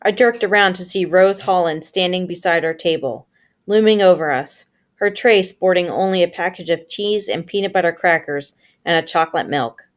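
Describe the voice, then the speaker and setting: Low-voiced woman reading a novel aloud. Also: normal speed. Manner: steady storytelling with character voices. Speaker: audiobook reader.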